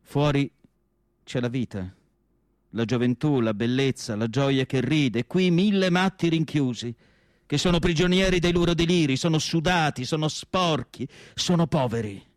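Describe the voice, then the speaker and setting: With a fairly high-pitched voice, a man recites a piece of literary prose in the style of a radio theatre monologue. The delivery is grave and oratorical, with careful phrasing and pauses held for effect, and there's no room sound at all.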